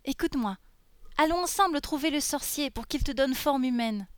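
Brief: woman doing a high, bright little girl, eager and bold. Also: normal speed, no room sound, studio quality, natural voice. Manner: high, excited exclamations.

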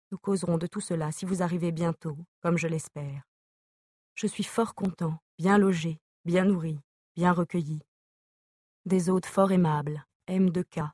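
A woman reading an epistolary novel aloud, letter by letter, in a measured, even way. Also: fairly low pitch, dry recording, clean studio sound. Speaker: audiobook reader.

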